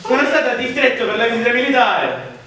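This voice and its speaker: A man's voice: very high-pitched, sing-song, fairly quick, bright, forceful tone, a little hiss or hum, heavily acted. A young man playing a sheepish seminarian in a stage farce, explaining himself apologetically. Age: young adult. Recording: echoey hall, distant mic.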